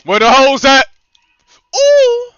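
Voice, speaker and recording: Young male game streamer, frat-bro slang and swearing, high bright voice, slightly lo-fi dry mic. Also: unhurried, clean tone, dry recording. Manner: excitable, bursts into shouts. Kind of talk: casual gaming commentary. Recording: slightly dull lo-fi streaming audio.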